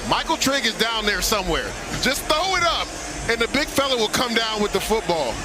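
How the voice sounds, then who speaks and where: An American man breaks down football plays as a color commentator. He speaks in emphatic, punchy bursts with a high voice for a man. Loud music runs underneath. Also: big pitch swings, brisk, a crowd in the background. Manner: emphatic, short punchy phrases. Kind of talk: live football analysis commentary. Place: broadcast booth at a stadium.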